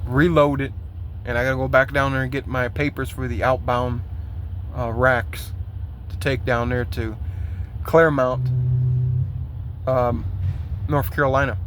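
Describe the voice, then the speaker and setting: A man's voice: mid-range voice, little pitch movement, a little slow, pauses often, fairly bright tone, slight background noise. A man who drives a truck, venting in a loose, rambling vlog rant full of swearing and aggravated complaints. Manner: heavily profane, aggravated complaining; loose, rambling with fillers and repeats.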